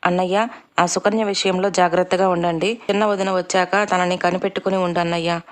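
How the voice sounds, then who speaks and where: A woman's voice: fairly low pitch, fairly even intonation, fairly quick, natural voice. A woman voicing an earnest young man in a storybook who warns his brother. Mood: cautioning. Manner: cautioning.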